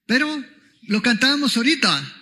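A man's voice: very high-pitched, big pitch swings, normal speed, pushed and bright. A man preaching a sermon in a church, talking conversationally and asking the congregation rhetorical questions. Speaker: pastor.

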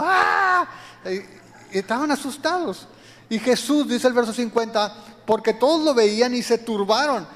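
Guy with a high voice giving a sermon, lively, acts out the quotes, big echoey room. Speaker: preacher.

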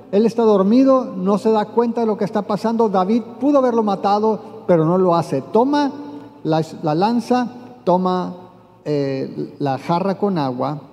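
Male preacher, high and mellow voice, sermon delivery, long hall reverb. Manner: retells scripture, voicing quotes with rising emphasis.

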